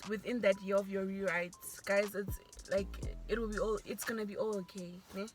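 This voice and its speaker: A woman's voice: medium pitch, level tone, moderate pace, faint music behind. A young woman, chatting earnestly and encouragingly with a friend over food. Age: young adult. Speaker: co-host friend. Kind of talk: casual venting chat while eating.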